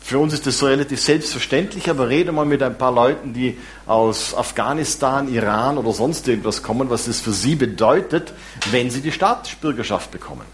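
A man preaching a sermon, lively and warm in his asides, with some self-deprecating humor. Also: medium pitch, brisk. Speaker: pastor.

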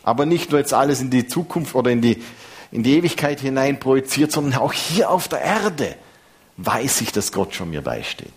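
Husky preacher in his fifties. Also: mid-range voice, normal speed. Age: 50s. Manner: conversational, lively preaching with restarts. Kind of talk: sermon.

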